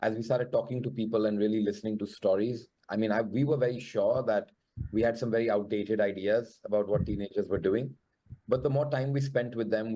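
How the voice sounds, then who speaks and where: A man's voice: fairly low pitch, dark tone, poor audio. A man with an educated, posh Indian English accent, speaking reflectively and articulately as a screenwriter in an interview. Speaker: screenwriter and show creator. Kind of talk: thoughtful panel interview answer.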